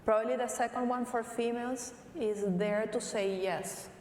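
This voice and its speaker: A company tech leader being interviewed onstage at a live event, this earnest woman with a Venezuelan accent speaks slowly and thoughtfully, often restarting sentences. Her voice is a little high, mellow, and fairly even in intonation. She's heard from far off in a large echoing hall, with a long reverb tail and faint hiss.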